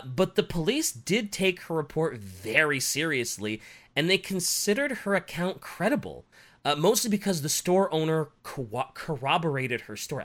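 A man's voice: a little high, fairly bright tone. A man casually retelling a true-crime case on a podcast, swearing, restarting his lines, and slipping into a southern drawl for quotes.

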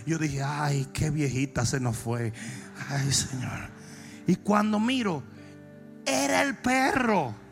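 A Dominican man preaching, telling comic stories and breaking into long shouted cries. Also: fairly high pitch, expressive, creaky, faint music behind. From Dominican Republic. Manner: shifts from shouted, drawn-out preaching to fast, joking anecdotes. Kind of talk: comic sermon storytelling.

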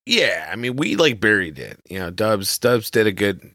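A man's voice: lowish voice, sing-song, moderate pace, pushed and bright, dry recording. Dry-sounding, slangy male podcast co-host. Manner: slangy, calls his partner brother, dude and man. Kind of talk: casual film podcast chat.

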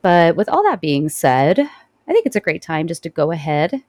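A woman's voice: low-pitched, big pitch swings, moderate pace, a little mellow, no echo, clean studio sound. A woman hosting a podcast in a casual, conversational chat style. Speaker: podcast host.

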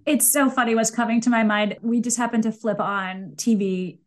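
A woman hosting a podcast, talking in a relaxed, chatty way with plenty of fillers. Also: a little high, normal speed. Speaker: podcast host. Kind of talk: casual conversational interview.

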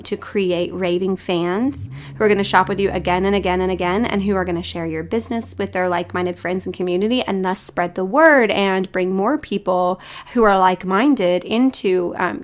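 At a medium pitch and normal speed, this podcast host speaks with fairly even intonation and few pauses. Slightly congested and scratchy after a cold, she stays upbeat and encouraging on her solo show, sprinkling in frequent fillers.

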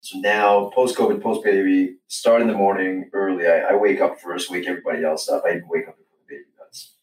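Low-voiced man on an echoey distant line. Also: fast talker. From Hong Kong. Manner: relaxed, self-deprecating, repeats words when starting. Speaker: guest, chief financial officer. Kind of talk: casual interview chat. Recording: distant echoey remote audio with faint noise.

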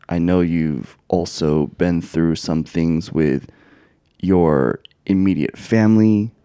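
A man hosting a podcast, asking slow, deliberate interview questions. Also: deep voice, mellow, no room sound, clean studio sound. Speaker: podcast host.

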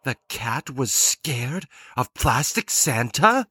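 A man's voice: medium pitch, big pitch swings, slow, pushed and bright, slightly rough, no room sound, studio quality, heavily acted. A man playing a fretful, well-meaning snowman ornament in a children's audio drama, earnest and eager. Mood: eager, amazed.

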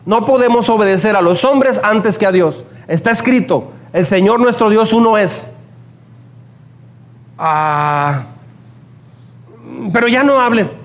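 A man with a northern Mexican accent from Chihuahua, preaching a sermon and telling personal stories, acting out the lines of the people in them. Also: sits high. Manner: animated, acts out quoted dialogue. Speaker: pastor.

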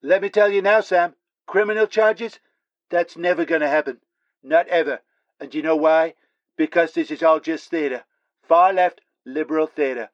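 A man's voice: on the high side, moderate pace, dry recording, highs cut off, lightly acted. A man playing a blustering conspiracy pundit. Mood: ranting. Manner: blustering, heckling, repeats the host's name. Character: ranting conspiratorial male pundit. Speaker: political pundit on remote link.

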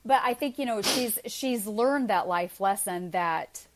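A woman's voice: medium pitch, measured pace. Woman, forties, interview guest; candid, chatty, wry. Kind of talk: casual interview chat.

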